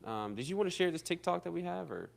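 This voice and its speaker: A young man co-hosting a podcast, talking in relaxed, slangy banter. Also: on the high side, quick pace, creaky. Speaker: podcast co-host. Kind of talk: casual podcast chat.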